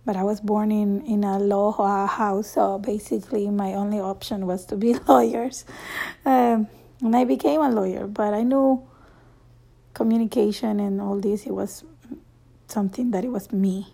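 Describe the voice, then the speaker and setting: A woman from El Salvador in her thirties, an actress and native Spanish speaker with a Salvadoran accent, does stand-up, restarting haltingly and chuckling between phrases. Her medium-pitched voice is warm and gravelly, with a steady tone.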